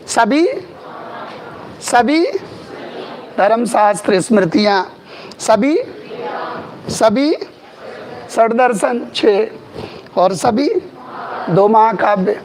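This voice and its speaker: Animated, high-pitched male history teacher. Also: very slow, pauses often. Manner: emphatic, repeats key terms, asks students questions. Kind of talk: classroom history lecture.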